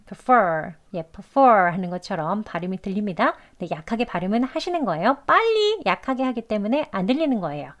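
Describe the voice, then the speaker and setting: A woman teaching English pronunciation in a patient lesson. She models each word slowly and stresses the sounds clearly. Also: medium pitch, big pitch swings.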